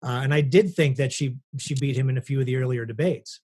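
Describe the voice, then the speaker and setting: A man hosting a casual podcast, upbeat, talking in quick bursts with frequent "uh" and stumbles. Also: mid-range voice, dark tone. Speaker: podcast host.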